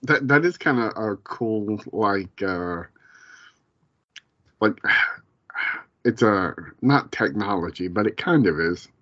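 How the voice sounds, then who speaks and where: A man's voice: on the low side, animated, takes it slowly, pauses often, sharp tone, no echo. A man in casual chat, rambling and searching for words, swearing and laughing, with the hiccups. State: has the hiccups. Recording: dull, lo-fi sound.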